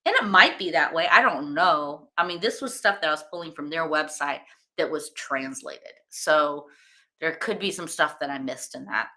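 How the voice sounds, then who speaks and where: Bright-voiced chatty woman wine host. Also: low-pitched, moderate pace. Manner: chatty and rambling, many fillers; enthusiastic. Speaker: wine-tasting livestream host. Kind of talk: casual chat while tasting wine.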